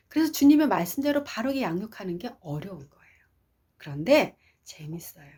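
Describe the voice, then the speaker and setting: Husky-voiced woman giving an expressive parenting lecture. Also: mid-range voice. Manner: expressive storytelling, asks the audience questions.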